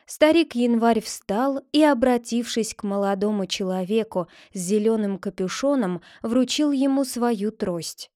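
A woman narrating a fairy tale aloud in a calm, even storytelling manner. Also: on the high side, a little slow, hardly any pauses, no room sound, clean studio sound.

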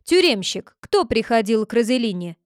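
A woman's voice: a little high, sing-song, moderate pace, no room sound, studio quality. A woman reading as a stern questioning judge. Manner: interrogating, insistent. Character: stern male village judge, questioning sharply.

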